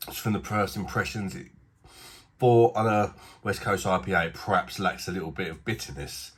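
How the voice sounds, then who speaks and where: Speaking at an ordinary pace in a low, husky voice, this man from Britain rambles casually through a beer review and pokes fun at himself. A blocked nose leaves him sounding a little stuffy.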